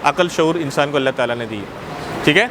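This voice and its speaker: A man's voice: fairly high pitch, noisy background. A Pakistani man teaching a class on Islamic law in a mosque, repeating points and checking that students understand, in Pakistani Urdu. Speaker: religious teacher.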